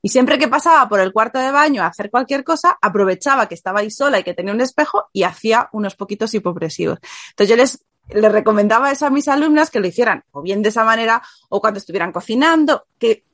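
A woman's voice: a little high, expressive, quick pace, fairly bright tone, dry recording, studio quality. A woman hosting an interview, sharing personal anecdotes in a chatty way. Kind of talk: casual conversational talk.

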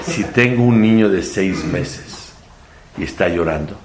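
A man's voice: sits low, measured pace, crowd noise. A man giving a Torah sermon, asking rhetorical questions and using playful homely examples. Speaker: religious teacher. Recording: echoey room.

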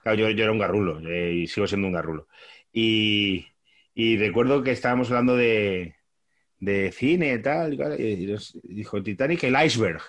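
A man's voice: lowish voice, normal speed. A man from Spain with a Spanish accent, chatting casually as a podcast co-host, laid-back and slangy, often repeating his words. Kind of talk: casual chat.

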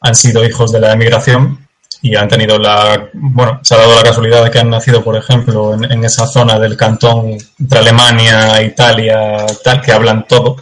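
A man's voice: fairly low pitch, flat delivery, moderate pace, a bit bright, low-quality recording. A man from Galicia, a tour guide talking in a casual interview. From Galicia, Spain. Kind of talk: casual conversation.

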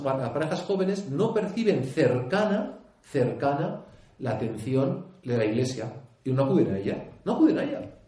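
A priest with a Castilian Spanish accent giving an earnest conference talk, full of restarts, rhetorical questions and a tag "¿eh?". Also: male voice, mid-range voice, mellow. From Spain. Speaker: priest and pastoral speaker. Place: conference hall. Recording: echoey hall.

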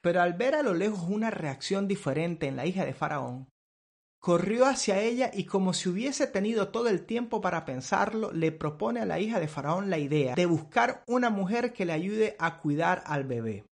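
A man's voice: high voice, animated, moderate pace, creaky. A man preaching through a dramatized, theatrical retelling of a story.

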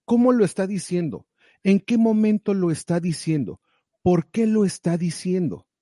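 A man giving lively, direct, motivational advice in a casual conversation. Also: high voice, normal speed, no echo, clean studio sound. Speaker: guest sharing advice.

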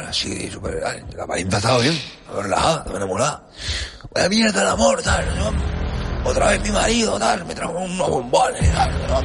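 A man's voice: on the high side, creaky. A man telling a long rambling comic anecdote on air, interrupting himself as he goes. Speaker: comedic interviewee telling a story. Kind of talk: comic radio storytelling.

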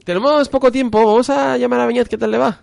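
A man hosting a casual local radio show, relaxed and quick to laugh. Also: very high voice, creaky, no echo. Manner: relaxed, laughs often, steers the talk. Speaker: radio host. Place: radio studio.

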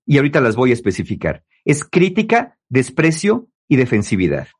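A man's voice: mid-range voice, huge pitch swings, a little fast, slightly rough. A man giving relationship advice to listeners in a conversational talk, often mimicking the people he quotes.

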